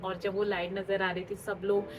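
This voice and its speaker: A woman's voice: mid-range voice, flat delivery, normal speed, slight background noise, rough recording. A young woman vlogger telling a personal story in an emotional way, mixing Hindi and English.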